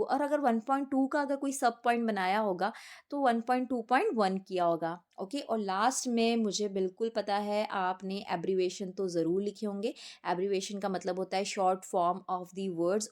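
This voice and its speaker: A woman teacher at an everyday pitch, working through an exam paper for her students. She reads each question out slowly and clearly, then poses a question and answers it herself, step by step. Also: darkish tone. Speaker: English teacher. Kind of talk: exam paper walkthrough lesson.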